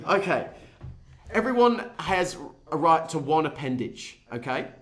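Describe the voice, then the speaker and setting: A man playing a tabletop game, talking casually in halting bursts with many restarts. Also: on the high side, very animated, fairly bright tone, echoey room. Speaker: player.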